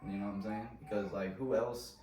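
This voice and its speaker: A man holds forth in a loose, rambling casual chat, full of slang and filler, often starting over mid-thought. His voice sits a little low. The mic is some way off in a roomy space, with faint noise underneath. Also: steady tone, brisk, a little mellow, recorded from a distance. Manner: trails off and restarts often. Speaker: podcast host.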